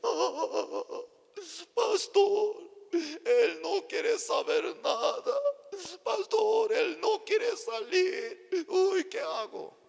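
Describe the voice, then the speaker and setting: A man voicing a distressed church member woman who cries and pleads in a high voice. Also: huge pitch swings, normal speed, hardly any pauses, fairly bright tone, in a large hall, exaggerated voice. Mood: crying.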